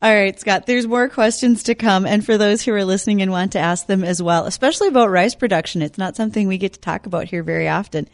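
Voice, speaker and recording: A woman's voice: medium pitch, quick pace, hardly any pauses, dry recording. A woman hosting a radio show in a chatty, informal, conversational way, moving between questions and announcements. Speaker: radio host. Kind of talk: conversational hosting with sponsor reads.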